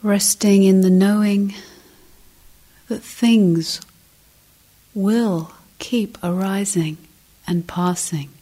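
This guided meditation comes from a female teacher whose medium-pitched voice holds a fairly even intonation. Speaking softly and breathily, she uses short, careful phrases and lengthy pauses, at times almost whispering.

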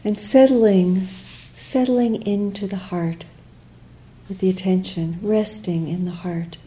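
This guided meditation is led by a woman teacher whose mid-range voice keeps a fairly even intonation. She uses short, gentle, unhurried phrases, long pauses, and quiet, trailing endings.

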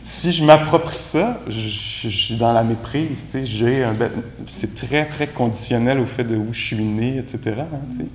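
A man from Quebec with a Quebec French accent teaches meditation in an easy, conversational way, leaning on little fillers between his thoughts. His voice sits at an ordinary pitch for a man. The talk carries the echo of a room, with faint noise behind it. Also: moderate pace, hardly any pauses. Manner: casual, conversational, many "tu sais" fillers. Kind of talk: dharma talk.

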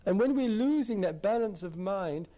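Reflective male meditation teacher, lively pitch. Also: normal speed, dull audio. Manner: reflective, repeats phrases while searching for words. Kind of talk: dharma talk at a retreat.

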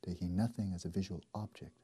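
A man guiding a meditation in a slow, soft, deliberate way, leaving long pauses between phrases. His voice sits somewhat low and is very dark and mellow, with a husky grain to it. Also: fairly even intonation. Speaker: meditation teacher. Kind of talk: guided meditation.

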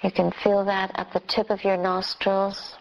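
Leading a guided meditation, a woman who is a Buddhist nun speaks in brief phrases with long silences between. She has a medium-pitched, monotone voice with vocal fry, captured in dull audio.

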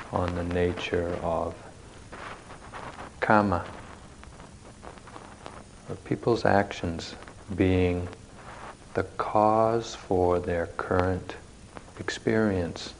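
A male meditation teacher guides a session live at a retreat, using short, measured phrases separated by long pauses. His voice sits low, and the rough recording carries some hiss or hum.

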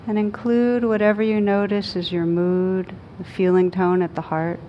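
A woman guides meditation for a group in a room, calm and unhurried, her soothing words broken by long pauses. The lo-fi capture sounds dull, with a rumble underneath.

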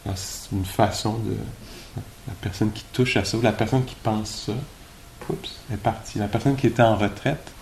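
A man's voice: lowish voice, steady tone, normal speed, a little mellow, a little hiss or hum. A man with a Québécois accent giving an informal, conversational dharma talk at a meditation retreat, musing aloud with rhetorical questions. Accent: Québécois French. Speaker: meditation teacher.

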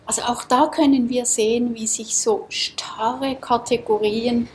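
A woman from Switzerland giving a calm, reflective Dharma talk to a group in a seminar room, often asking her listeners questions. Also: fairly high pitch, a little slow, slight background noise. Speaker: meditation teacher.

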